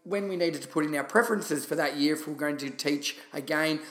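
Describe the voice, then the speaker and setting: A man's voice: a little high, fairly quick, fairly bright tone. An Australian-accented man hosting a podcast, telling personal stories in a casual, chatty, enthusiastic way. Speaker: podcast host. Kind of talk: casual solo podcast storytelling. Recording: roomy, echoey sound.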